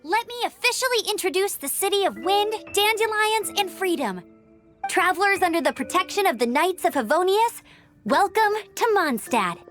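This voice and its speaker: A woman's voice: very high-pitched, big pitch swings, normal speed, a bit bright, faint music behind, full character voice. A woman playing a cheerful, perky young female knight in a video game, acting as an upbeat and proud guide.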